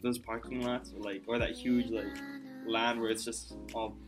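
Very low-voiced laid-back young woman. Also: flat delivery, moderate pace, music in the background. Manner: laid-back, hesitant, second-guessing herself. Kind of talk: casual chat.

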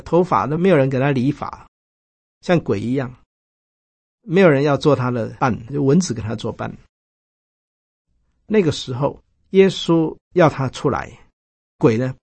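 A male pastor preaching a sermon in Mandarin, retelling Bible stories in a lively way and voicing the characters. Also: creaky, breathy edge, no room sound. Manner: lively storytelling, quoting characters with raised pitch.

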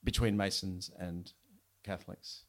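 A man, the author, speaking at a bookshop event. He chats wryly between passages and then reads his novel aloud. His voice sits low and carries a steady gravelly fry. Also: a little slow. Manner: chatty, wry, with fillers and restarts. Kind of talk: casual talk and reading aloud from his novel.

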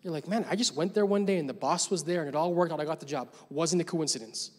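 A young adult man, his voice a little high and his pace quick, preaches a sermon as a pastor. He tells a story casually and builds to emphatic points, and the long reverb of the large church hall rings around him.

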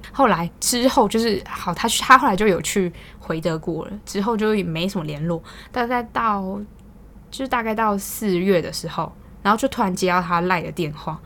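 Fast-talking Taiwanese woman venting. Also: lowish voice, a little hiss or hum. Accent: Taiwanese Mandarin. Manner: exasperated venting, swears casually. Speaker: podcast host. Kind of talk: casual storytelling monologue.

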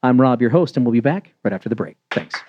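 A man's voice: medium pitch, expressive, fast, highs cut off, noisy background. An American man hosting a talk show, casually interviewing and making announcements to listeners. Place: press club before a small live audience.

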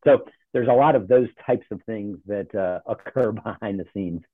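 A man's voice: lowish voice, normal speed. Man in his forties on a tinny line. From born in Ohio, grew up in Charlotte. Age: 40s. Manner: relaxed, rambling with many fillers. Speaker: podcast guest, nonprofit CEO. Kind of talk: casual interview talk. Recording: tinny phone-like call audio.

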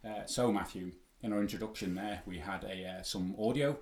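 Low-voiced Manx man hosting a podcast. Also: a little fast, darkish tone, roomy sound. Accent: Manx (Isle of Man). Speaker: podcast host. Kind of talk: conversational sports podcast hosting. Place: podcast studio.

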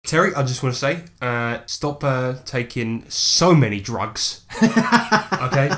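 A man's voice: medium pitch, expressive, takes it slowly, a bit bright. Guy hosting a podcast, jokey, laughs a lot, swears. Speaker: podcast co-host. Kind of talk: casual chat.

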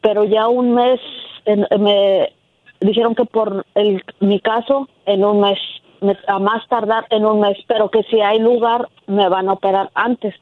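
A woman's voice: mid-range voice, steady tone, measured pace, no room sound. A woman in her fifties calling in by telephone, telling her personal story hesitantly with frequent filler words, on a tinny line. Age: 50s. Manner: hesitant, filler-heavy with repeated "este". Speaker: caller. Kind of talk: personal account to a call-in host.

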